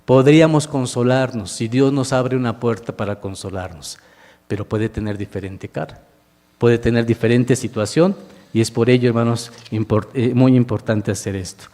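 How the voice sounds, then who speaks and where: A man's voice: mid-range voice, fairly even intonation, moderate pace, dark tone. A man, preaching a sermon as a minister and asking the congregation questions as he goes. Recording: long hall reverb.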